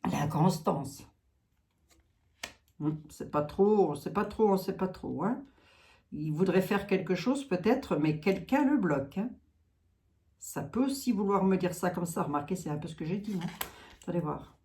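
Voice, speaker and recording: A woman's voice: fairly low pitch, lively intonation, a little slow, long pauses, mellow. A woman with a Lorraine accent giving a tarot card reading, musing aloud with trailing asides and frequent tags. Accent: Lorraine French.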